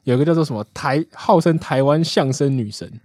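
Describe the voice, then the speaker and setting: A man's voice: on the high side, darkish tone, dry recording. A man co-hosting a casual podcast, joking and laughing a lot, close to his mic, near a cough. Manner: fast, joking, laughs often. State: about to cough. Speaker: podcast co-host.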